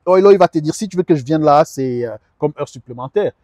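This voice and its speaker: In a conversational sit-down interview, a middle-aged man serving as a guest immigration advisor speaks earnestly, stumbling and repeating words as he searches for them. His voice sits fairly high for a man, with lively intonation, a quick pace, and a darkish tone. The sound is dry and close with no room echo.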